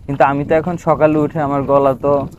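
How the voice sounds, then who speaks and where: A man talking gently and playfully with his young nephew during a bike ride outdoors. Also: mid-range voice, little pitch movement, fairly quick, slight background noise. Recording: dull lo-fi outdoor sound.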